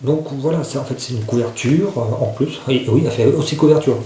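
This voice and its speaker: A man's voice: medium pitch, fairly quick, dark tone. A man casually demonstrating outdoor gear, informal and repeating himself as he handles it. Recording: roomy echo, faint noise.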